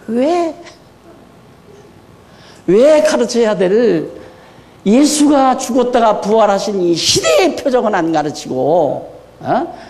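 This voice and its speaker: An older man preaching a sermon in a church, moving between quiet asides and fiery, shouted questions. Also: high-pitched, vocal fry, long reverb tail. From Korea. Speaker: pastor. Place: church hall.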